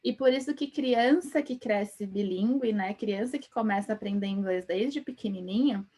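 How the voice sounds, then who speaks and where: A woman's voice: medium pitch, normal speed, mellow, husky. A young woman with an interior São Paulo accent, teaching a chatty live-stream lesson and ending lines with tag questions. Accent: interior São Paulo Portuguese. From Brazil. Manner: chatty, lots of tag questions, laughs often. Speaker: English teacher.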